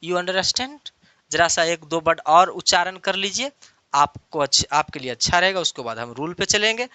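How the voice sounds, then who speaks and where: A man's voice: sits high, normal speed, sharp tone, smooth, no echo. A man teaching an online English lesson, explaining patiently and repeating key phrases many times over.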